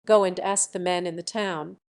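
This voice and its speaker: A woman's voice: fairly low pitch, fairly even intonation, moderate pace, natural voice. A woman voicing a vain, scheming young country woman who brags about her beauty, in a storybook reading. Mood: boastful. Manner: boastful, self-satisfied.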